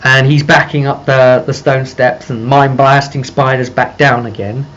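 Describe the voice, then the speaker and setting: A man with a steady, slightly bright mid-range voice speaks a little slowly as a game master recounting a tabletop session. He rambles casually and without a script, piecing the story together, on a dull lo-fi microphone with faint noise.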